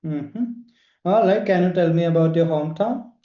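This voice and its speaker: A man's voice: a little high, normal speed. A man acting as examiner, asking short formal questions in a speaking test. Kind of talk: interview questions. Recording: roomy, dull lo-fi sound.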